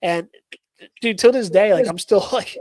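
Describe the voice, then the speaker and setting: A man, a paranormal investigator, telling a spooky story in casual live-stream chat, excitable and full of fillers. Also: high-pitched, normal speed, no echo, rough recording.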